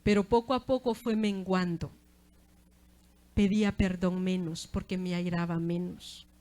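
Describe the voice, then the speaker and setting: A woman's voice: fairly low pitch, fairly even intonation, unhurried, warm tone. A middle-aged woman preaching a sermon, earnest and often praising God between phrases. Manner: earnest preaching with repeated "gloria sea al Señor".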